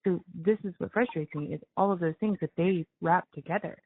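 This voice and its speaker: A man talking casually on a prison phone call, emphatic and supportive, with a halting delivery. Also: high voice. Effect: prison phone line. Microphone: telephone. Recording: tinny narrow prison phone line.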